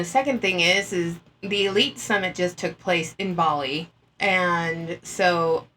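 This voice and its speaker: A woman's voice: medium pitch, pushed and bright, a little hiss or hum. A woman giving casual, blunt and dismissive commentary, talking through an earbud mic. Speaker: anti-MLM commentator.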